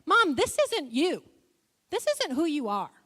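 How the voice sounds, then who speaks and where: A woman voicing her eight-year-old daughter, a blunt girl who gently scolds her mother. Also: high-pitched, sing-song, measured pace, long reverb tail, pitched above the performer's own voice, exaggerated voice. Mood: gentle.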